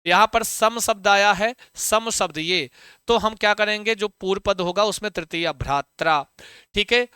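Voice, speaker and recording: Man, revision teacher, high voice, repeats terms to drill them. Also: normal speed, sharp tone, clear, resonant tone, dry recording, studio quality. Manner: drills terms by repetition, asks rhetorical checks. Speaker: Sanskrit teacher. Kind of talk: exam revision class.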